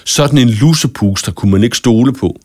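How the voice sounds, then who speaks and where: A man narrating a children's story in an expressive scripted reading, close to a studio mic. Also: mid-range voice, no room sound. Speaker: audiobook narrator. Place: studio booth.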